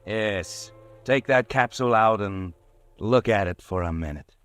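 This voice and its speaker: In a 1940s radio drama, a man plays a mocking, ominous narrator who taunts and goads the listener directly as "you." His voice is on the low side, smooth, a bit bright, and a little slow.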